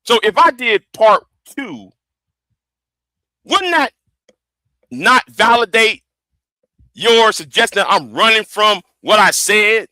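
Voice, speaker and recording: A man hosting a livestream rant in a loud, sharp, combative voice, swearing and repeating words for emphasis. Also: high-pitched, lively intonation, slow, long pauses, dry recording. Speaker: livestream host.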